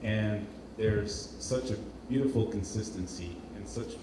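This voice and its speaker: Unhurried and lowish in voice, a man from Portugal gives a casual designer's presentation, speaking hesitantly and repeating words as he looks for phrasing. Heavy echo marks the indoor venue, and the live recording is roomy, distant and noisy.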